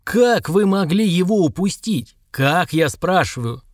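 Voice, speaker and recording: Man voicing a furious cold male boss, shouty and slow, audiobook. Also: a little high, animated, no echo, clean studio sound. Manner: shouting, berating, slow heavy delivery.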